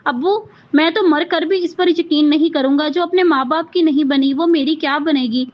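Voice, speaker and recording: A woman's voice: high-pitched, moderate pace, highs cut off, lightly acted. A woman voicing a harsh, angry young husband in a read-aloud romance novel, with an accusing manner.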